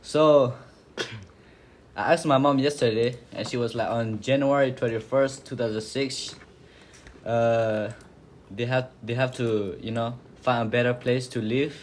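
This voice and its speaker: A young man telling a family story in casual talk, halting and repeating himself. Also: medium pitch, steady tone, a little hiss or hum. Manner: halting, repeats words, plain speech. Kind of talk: casual classroom discussion.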